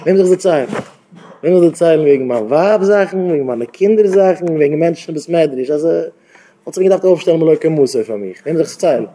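Mellow-voiced man giving a rambling talk. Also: fairly high pitch, animated, quick pace, a little hiss or hum. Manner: conversational, repetitive, with rhetorical questions. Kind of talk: informal Yiddish talk to young married men.

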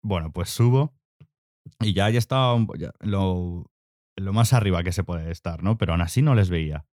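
A man's voice: low-pitched, moderate pace, a little mellow, no room sound, clean studio sound. A young man co-hosting a podcast, telling a rambling story full of fillers and swearing in casual chat. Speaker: podcast co-host.

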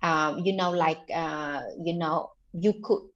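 A woman's voice: low voice, fairly even intonation, slow, a bit bright. A woman from Vietnam, telling her story as an author guest in an earnest interview, leaning often on "you know". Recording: dull lo-fi audio.

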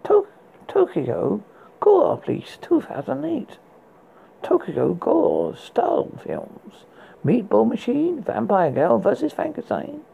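Someone doing a spooky horror host, super croaky and husky, swoopy pitch, stumbles thru a scripted read. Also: huge pitch swings, narrow, tinny audio, heavily acted. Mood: playfully macabre. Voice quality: very gravelly, husky, creaky. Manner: halting read with stumbles and repeated words. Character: spooky horror host recommending frightening books and films.

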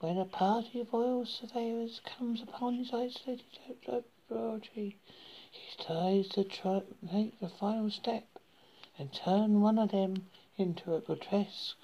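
A woman as a slow, creaky, creepy horror host. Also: medium pitch, steady tone, dull audio, slight background noise. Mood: playfully menacing. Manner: spooky horror host delivery, slow and menacing. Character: Ghostman, creepy theatrical horror host addressing children. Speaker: horror host presenting old movies. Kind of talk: theatrical horror host movie introductions.

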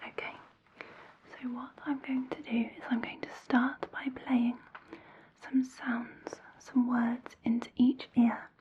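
Female ASMR whisperer, gentle, reassuring, fairly high pitch, very close mic. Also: dull audio. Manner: soft, slow, reassuring instructions. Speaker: ASMR roleplay hearing examiner.

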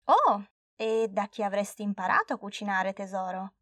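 A soft, serene old grandmother from a storybook, voiced by a woman reading aloud. She speaks calmly and quietly, always reassuring. The sound is close and dry. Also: mid-range voice, moderate pace, dry recording. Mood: gentle.

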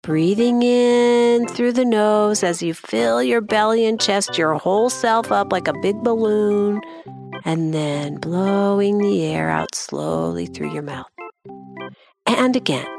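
A woman gently guiding children through a mindfulness exercise in soft, slow instructions. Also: mid-range voice, animated. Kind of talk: guided meditation. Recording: voice over clear music. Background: background music.

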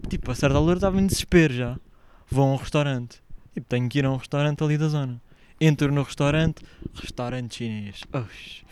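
A young adult man with a European Portuguese accent, a guest on a casual podcast, tells a story in a mid-range voice at a brisk clip with hardly any pauses. His storytelling is animated, and he acts out other people's lines, including shouted quotes.

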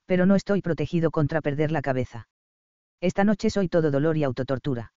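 A man narrating a romance audiobook, slow, intimate and brooding. His voice sits a little high, yet mellow and smooth. The recording is dry and slightly dull, from a voice-over booth. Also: no echo. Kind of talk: scripted first-person narration.

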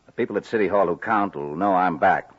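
An American gangster boss in a vintage radio crime drama. The voice is very low and rough, terse, commanding and threatening, on a muffled old recording. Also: male voice, brisk. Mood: cold menace.

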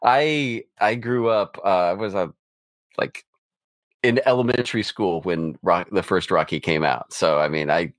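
A middle-aged man co-hosts a relaxed sports podcast, talking in a fairly low voice. He keeps stopping and restarting his sentences, and he laughs playfully as he goes. The sound is dry and close. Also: unhurried, no echo. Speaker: podcast co-host. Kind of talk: casual sports chat.

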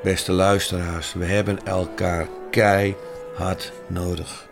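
Slow, calm male presenter, low voice. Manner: calm, contemplative, speaks directly to listeners. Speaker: radio presenter. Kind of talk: reflective spoken essay with storytelling.

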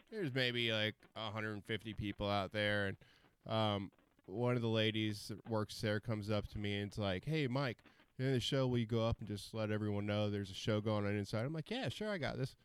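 A man's voice: lowish voice, level tone, moderate pace, fairly bright tone, clear, resonant tone. A man on a podcast video call, telling stories in a loose, laughing way. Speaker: podcast co-host and musician. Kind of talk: casual podcast chat.

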